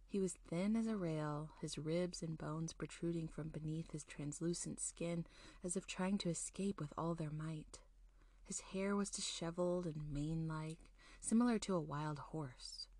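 Woman reading a creepy folk story, kinda low voice, folksy and unhurried, dry sound. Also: a little mellow, no room sound. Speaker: storyteller, show host. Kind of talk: scripted spooky folktale narration.

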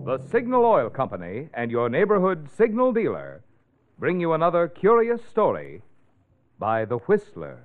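A man's voice: fairly high pitch, huge pitch swings, normal speed, faint music behind. Vintage radio announcer, male: hugely swooping delivery, emphatic, declamatory, tinny recording. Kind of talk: 1940s radio sponsor announcing.

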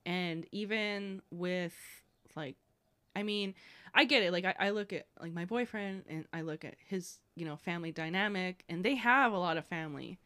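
Young woman on a podcast, kinda low voice, thinks out loud, lots of likes. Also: moderate pace, smooth. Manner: reflective, hesitant, many fillers. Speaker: podcast co-host. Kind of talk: candid podcast chat.

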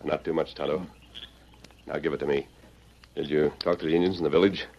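A noisy, muffled vintage radio recording of a western hero with a deep voice. He is commanding and steadfast, measured and precise in every phrase. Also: steady tone. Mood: steady, concerned. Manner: firm, measured, clearly enunciated. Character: commanding, steadfast masked cowboy hero, grown man. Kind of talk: old-time radio western acting.

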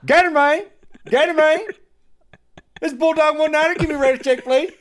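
A man putting on a Southern-accented soldier calling over a walkie-talkie radio, repeating his call sign in a loud, high, sing-song way. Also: fairly even intonation, normal speed. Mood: eager. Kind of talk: comic impression in a casual podcast chat.

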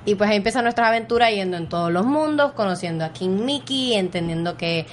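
A woman's voice: mid-range voice, lively intonation, quick pace, a little hiss or hum. A woman with a Puerto Rican accent telling a story casually in Spanglish, dropping English words into her Spanish.

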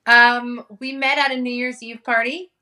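A woman in her forties from Hawaii, United States, chats casually as an interview guest, using lots of fillers and laughing often. Her voice sits on the high side, bright and forceful, with a level tone at a normal speed.

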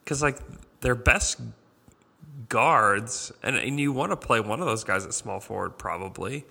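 Casual guy hosting from a big echoey boardroom, kinda gravelly, lots of restarts and laughs. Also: medium pitch, animated, bright, forceful tone. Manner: chatty, laughs often, halting restarts. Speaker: podcast host. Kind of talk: casual sports chat. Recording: echo-chamber sound of a big hollow room.

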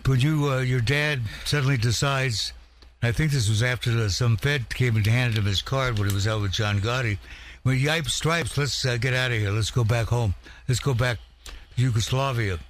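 A man's voice: mid-range voice, normal speed, slight background noise. A man hosting an interview who asks probing follow-up questions in a conversational way. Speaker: interviewer, host.

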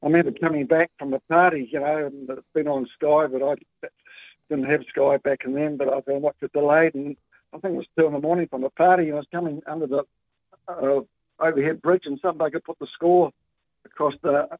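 A man's voice: a little high, steady tone, fairly quick, no room sound. A man with a New Zealand accent calling in to a talkback show on his phone's speaker, rambling and colloquial with lots of ums and restarts. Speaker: caller. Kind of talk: casual talkback call. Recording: tinny dry phone line on speaker.

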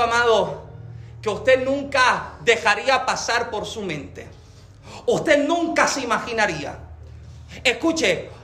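A man's voice: extremely high pitch, fairly bright tone. A Puerto Rican man preaching a sermon as pastor, emphatic and passionate, calling his listeners beloved. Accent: Puerto Rican Spanish. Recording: echoey room with faint background music.

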